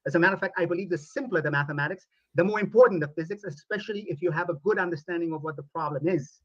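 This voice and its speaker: A man from Romania, speaking in a formal, deliberate way as a podcast guest. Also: high voice, fairly bright tone, no echo, lo-fi sound. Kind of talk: podcast interview played back.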